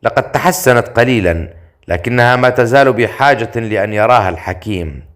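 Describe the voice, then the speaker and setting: A man's voice: medium pitch, expressive, fairly quick, lightly acted. A man voicing a cunning, grumbling male inventor in an audiobook story, in a sly manner. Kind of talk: audiobook character voice.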